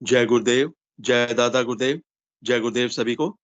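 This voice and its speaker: A man reading a devotional text aloud in an earnest, steady way over a video call. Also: mid-range voice, moderate pace. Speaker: reader in an online satsang. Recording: dull video-call audio.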